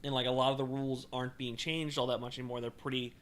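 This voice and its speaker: A man's voice: mid-range voice, level tone, racing, fairly bright tone. A man co-hosting a casual podcast, rambling with many fillers and restarts. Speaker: podcast co-host. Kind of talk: casual chat about card games.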